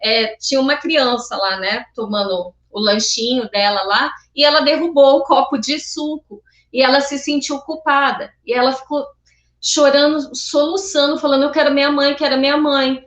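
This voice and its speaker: A woman with a fairly high voice shares a heartfelt story over a video call, slipping into the voices of the people she quotes. The sound is roomy and echoey. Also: moderate pace, a bit bright. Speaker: church group member sharing. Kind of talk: casual testimony in an online meeting.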